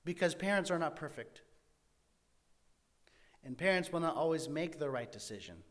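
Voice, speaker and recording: Higher-pitched man preaching a sermon. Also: lively intonation, moderate pace. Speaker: preacher to young people.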